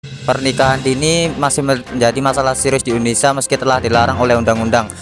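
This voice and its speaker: A man reads documentary narration quickly and evenly, with little rise or fall in his voice. His delivery sounds read from a script. Clear background music plays under him. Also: medium pitch. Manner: even, read-aloud delivery.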